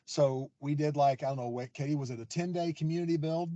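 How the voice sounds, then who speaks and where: A man's voice: a little high, fast talker, dark tone, dry recording, lo-fi sound. A man who organizes fundraising events, speaking upbeat and motivational in a webinar conversation from a parking lot over a video call.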